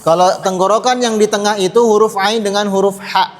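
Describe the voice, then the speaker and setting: High-voiced man teaching recitation, echoing hall. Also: steady tone, brisk. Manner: patient, drills pronunciation and has the class repeat. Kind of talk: tajwid lesson to children. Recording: long hall reverb.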